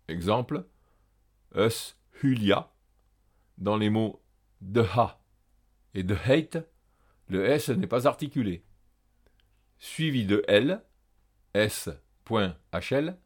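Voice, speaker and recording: A man with a fairly low voice reads a pronunciation guide at a very unhurried pace. He spells out letters and says each example word on its own, with careful pauses between them. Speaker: language teacher. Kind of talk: read pronunciation lesson.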